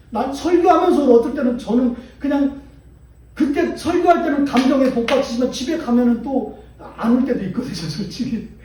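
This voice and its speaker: A man pastor preaching a sermon with impassioned swings between loud declarations and hushed storytelling. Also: very high voice, slight background noise. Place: church sanctuary. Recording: echoey hall, distant mic, faint ambience.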